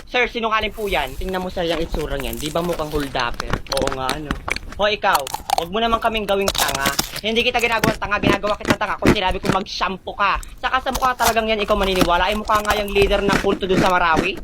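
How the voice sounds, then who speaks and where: A woman rattles off a one-person comedy skit, flipping between squabbling characters with a sharp, sassy tongue. She talks quickly, and a clear hiss of noise runs under her voice throughout. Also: mid-range voice. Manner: sassy, bickering, insult-trading.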